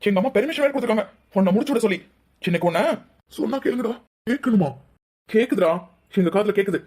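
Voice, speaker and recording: A rough cartoon thug, as a woman puts him on, speaking fast with a gruff, husky edge. He taunts and threatens. The voice sits in a middling register. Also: medium pitch, lively intonation, darkish tone, pitched below the performer's own voice. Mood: menacing. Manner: menacing, taunting. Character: vicious young village man, a lecherous thug. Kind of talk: cartoon voice acting.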